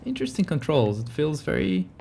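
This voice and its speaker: A man's voice: on the high side, very animated, a little fast, gravelly, warm tone, a little hiss or hum. A man hosting a gaming video, giving casual, laid-back, musing commentary as he plays.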